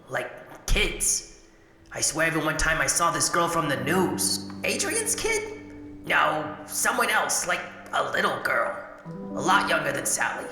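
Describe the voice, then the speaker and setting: A woman voicing a battered old pleasure robot in a video game, boozy, crude and touchy, with a streetwise, stammering delivery. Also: low-pitched. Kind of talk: video game character acting. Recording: echoey hall with music. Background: music.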